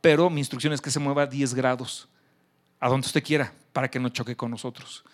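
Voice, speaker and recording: A man voicing a humble, low-ranking male soldier at a lighthouse who answers calmly and firmly. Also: brisk, natural voice.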